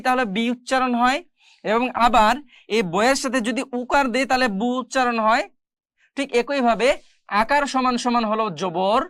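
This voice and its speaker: A woman teaching Quran reading in a slow lesson, patiently repeating each syllable in drills. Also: a little high, fairly bright tone, no echo, studio quality. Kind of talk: slow step-by-step recitation lesson.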